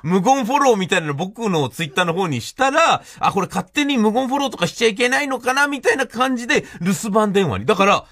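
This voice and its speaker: A man's voice: high-pitched, animated, brisk, few pauses, fairly bright tone, no room sound. A man hosting a radio show, telling a comic story in a solo monologue, laughing often and acting out the voices he quotes.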